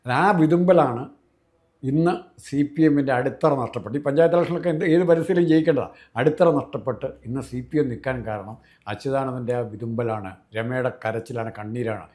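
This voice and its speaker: Fast, emphatic man. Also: medium pitch, a little mellow. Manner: fast, emphatic, piling up examples. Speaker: political commentator. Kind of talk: political discussion.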